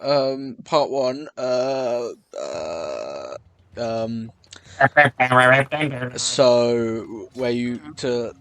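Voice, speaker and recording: A man's voice: medium pitch, sing-song, extremely slow, darkish tone. A man co-hosting a casual podcast, recapping a story in a rambling way with lots of fillers and restarts. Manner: rambling, full of fillers and restarts, slips into silly quoted voices. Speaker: podcast co-host.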